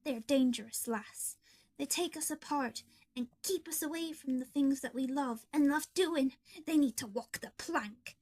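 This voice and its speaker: A woman voicing a menacing male pirate fox robot with slow, sinister pirate talk. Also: sits high, darkish tone. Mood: pleading.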